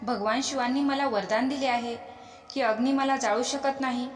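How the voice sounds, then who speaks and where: A woman's voice: sits high, fairly even intonation, moderate pace, natural voice. A woman voicing a proud, scheming demoness who boasts about her plan, in an echoey space with a long reverb.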